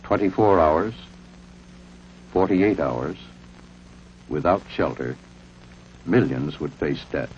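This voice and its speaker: Deep-voiced American man, vintage film narrator. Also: animated, darkish tone. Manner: measured, authoritative, instructional. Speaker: documentary narrator. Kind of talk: 1950s civil defense film narration, scripted. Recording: muffled, noisy vintage film soundtrack.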